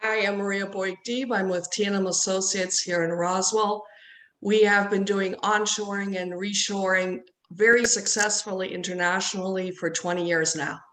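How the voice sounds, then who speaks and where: A woman's voice: medium pitch, steady tone, moderate pace, a bit bright. Woman consultant, confident upbeat intro, roomy echo, video call. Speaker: business consultant. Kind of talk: webinar self-introduction.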